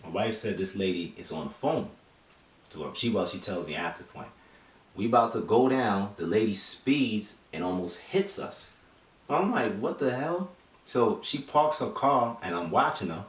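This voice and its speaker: A man telling a story in casual chat, animated and acting out quotes with street slang, recorded from a distance in an echoey room. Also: on the low side, normal speed. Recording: echoey room, mic far off.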